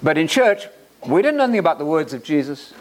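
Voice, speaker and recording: A man preaches in an animated, emphatic way. His voice sits a bit high and swings widely in pitch. He leans on repeated words and slips in joking asides. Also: fast. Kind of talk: lively preaching lecture.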